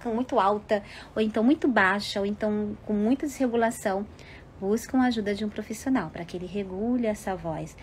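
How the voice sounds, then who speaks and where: A woman with a mid-range voice explains things to parents at an easy pace. She talks in a casual advice monologue, often tacking on small tag questions. A light background noise sits under the recording. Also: medium pitch. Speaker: vlogger giving advice to parents.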